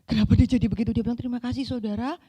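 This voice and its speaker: A woman vicar giving a seminar sermon, reading a passage and then telling stories in an expressive voice, now and then dropping in English words. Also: a little high, very fast, husky. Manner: mixes English words into talk, addresses listeners as saudara; expressive, shifts between reading aloud and lively telling. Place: church seminar hall.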